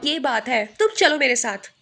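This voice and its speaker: A woman's voice: sits high, sing-song, moderate pace, pitched below the performer's own voice. A woman voicing a strict, secretive middle-aged stepmother in a spoken horror story, curt and stern. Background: music.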